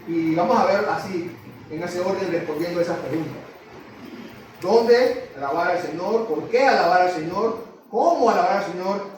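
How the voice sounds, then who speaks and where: A man's voice: sits high, slight background noise. A man preaching a sermon, who teaches step by step and often asks his congregation questions. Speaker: pastor. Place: church hall. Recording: very echoey hall, mic at a distance.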